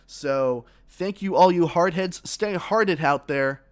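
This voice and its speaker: A man with a somewhat high, slow voice hosts his own sports podcast, sharing opinions full of fillers and restarts. He sounds a bit congested, like he has a frog in his throat.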